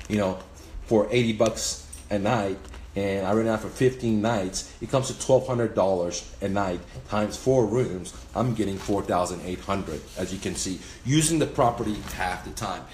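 A man in his forties speaks straight into a close phone camera in a small, roomy-sounding room, his voice on the low side. He talks in a casual, profane, emphatic way, gesturing with his hands as he goes. A faint hum of ambience sits behind him. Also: moderate pace, a little mellow. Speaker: real estate investor. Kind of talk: casual instructional vlog. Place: indoors, small room by a window.

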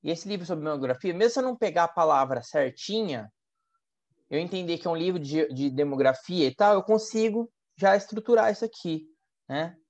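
A man's voice: animated, a little fast. A Brazilian Portuguese-accented man teaching English test strategies in a chatty, explanatory live online lesson. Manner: chatty, explanatory, frequent "né?" tags. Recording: muffled low-fidelity webinar audio.

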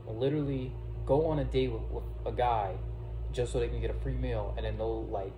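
A man in his twenties talks through his reactions in a casual, opinionated way. His middle-pitched voice uses everyday slang. It is a roomy phone recording with clear music behind it. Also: fairly even intonation, a little fast, mellow. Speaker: reaction video creator. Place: small room at home. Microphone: phone at arm's length.

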